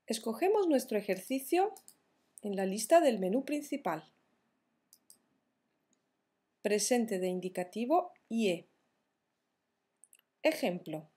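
A woman teaching verb conjugations in a slow, careful tutorial, spelling out each form deliberately. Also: fairly high pitch, very animated, mellow, husky. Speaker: Spanish teacher.

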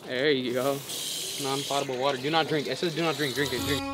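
A man's voice: mid-range voice, fairly even intonation, fast. A young man vlogging outdoors with friends, joking and egging them on. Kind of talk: casual vlog banter. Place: outdoors on a busy beach boardwalk. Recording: outdoor crowd noise. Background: crowd chatter.

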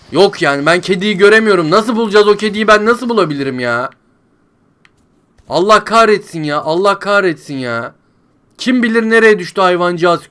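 A man with a noticeably high-pitched voice, narrating his gameplay for viewers in a chatty, frustrated way. He complains to the audience as if to friends and breaks into yells when the game turns on him. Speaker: gaming YouTuber. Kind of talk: let's play commentary.

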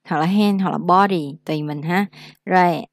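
Slow, low-voiced woman teaching vocabulary. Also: no room sound, clean studio sound. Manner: explains slowly, repeats words for practice. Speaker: English teacher. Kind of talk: casual vocabulary lesson.

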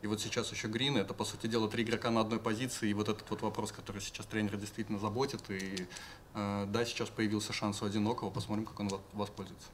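Press officer guy translating at a press conference, lowish voice, faint room hum. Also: level tone, racing. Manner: businesslike, translating with fillers. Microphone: table mic.

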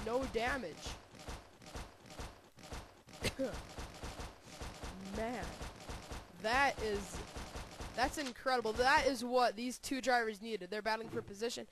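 A man doing play-by-play race commentary with a voice going hoarse, getting excitable and loud when cars crash. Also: very high-pitched. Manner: excitable, voice rises sharply during wrecks. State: losing his voice. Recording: noisy game sound behind. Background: racing game engine noise.

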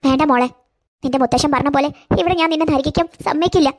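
A woman voicing a tender, self-sacrificing grandmother in a cartoon, gentle and coaxing. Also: high voice, fast, lightly acted. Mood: sad. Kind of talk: cartoon voice acting.

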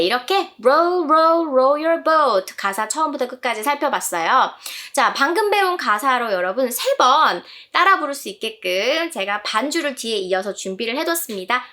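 A woman's voice: high-pitched, bright, forceful tone. A woman in her thirties teaching parents an English nursery song, patiently showing how to shape each sound. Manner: clear, patient, demonstrating mouth shapes and sounds. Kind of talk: friendly pronunciation lesson.

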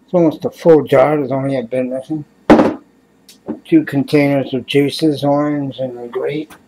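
Heavy background noise surrounds this vlog by a Canadian man in his fifties, who sits in a small room at night with the webcam close to his face. Unhurried and steady at medium pitch, he rambles, sighs, swears frequently, and drifts off mid-thought.

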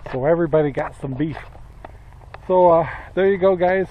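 Outdoors on a rural property and in a garage, an older homestead vlogger from Central Oregon, USA rambles to a camera held at arm's length, full of fillers and small chuckles. His voice is on the high side at a normal pace, and the recording sounds muffled.

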